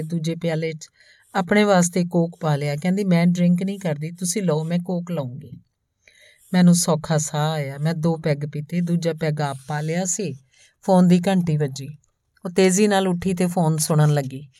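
A woman narrating a story in a calm, even storytelling manner, reading both the man telling it and the woman he meets. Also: on the low side, dry recording, clean studio sound. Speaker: audiobook narrator.

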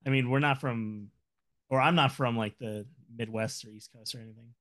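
A man's voice: mid-range voice, steady tone, normal speed, a bit bright. A man in his thirties co-hosting a casual tabletop podcast, joking around. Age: 30s. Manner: jokey, puts on silly voices. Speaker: podcast co-host. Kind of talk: casual chat.

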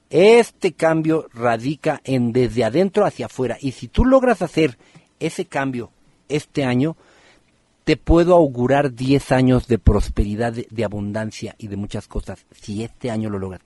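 A man's voice: mid-range voice, a little mellow, dry recording. A man hosting a radio podcast, giving live numerology readings and firing teasing questions at listeners by name.

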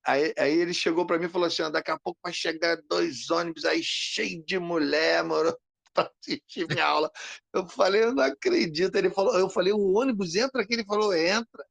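Man, gravelly, fairly high voice, dry close mic, animated storytelling. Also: a little fast, no room sound. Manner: animated, acts out quoted lines. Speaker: podcast co-host. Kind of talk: casual storytelling.

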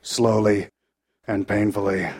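An actor playing a tough, menacing 1930s American adventurer with a gruff, hard-boiled manner in a live audio drama. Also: male voice, fairly low pitch, flat delivery, slow pace, darkish tone.

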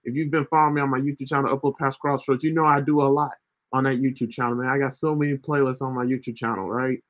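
A man's voice: mid-range voice, level tone, fast, fairly bright tone. A man in his thirties hosting a casual faith livestream, chatty and loose, often tagging his sentences with "right?". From United States. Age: 30s. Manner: chatty, repeats himself, keeps asking "right?". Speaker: ministry livestream host.

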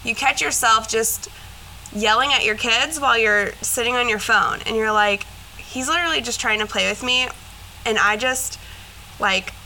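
A woman's voice: medium pitch, pushed and bright, a little hiss or hum, low-quality recording. A young woman chatting candidly as a podcast host, rambling with fillers and the odd curse, emotional and close to tears at times. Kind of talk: casual personal chat.

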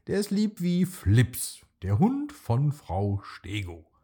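Little storybook dino boy, high and bouncy, husky edge, put on by a male narrator. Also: slow, heavily acted. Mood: eager. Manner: excited, pleading childlike voice. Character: small eager boy dinosaur.

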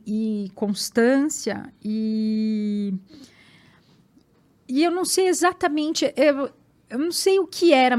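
A woman with a Brazilian Portuguese accent, a guest and marathon runner, telling her story in an animated, emphatic way and often repeating words. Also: fairly high pitch. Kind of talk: personal storytelling in conversation.

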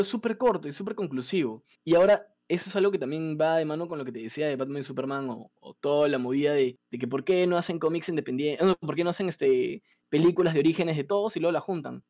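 A man, casually retelling a comic story as a podcast host, animated and profane. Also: on the high side, fast talker, dull audio.

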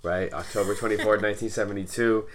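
A man co-hosting a podcast, relaxed, talking through background notes and laughing easily. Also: lowish voice, fast talker. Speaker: podcast co-host. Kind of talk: casual storytelling chat.

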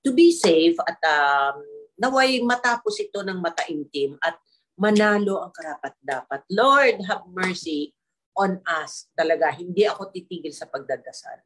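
A middle-aged actress chatting casually as a guest, telling animated stories and laughing often, slipping English into her talk. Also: lowish voice, moderate pace. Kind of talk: casual chat in an online interview.

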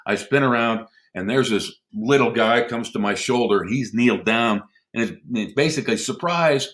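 A middle-aged man, a former airman, telling lively anecdotes in a casual conversation and chuckling often. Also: mid-range voice, moderate pace. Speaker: podcast guest, former military airman.

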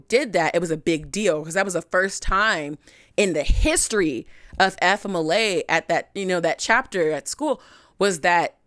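Frank, chatty young woman, lowish voice. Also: no room sound, studio quality. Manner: frank and chatty, heavy use of "like", animated swings in pitch. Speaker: podcast host. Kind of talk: candid personal storytelling.

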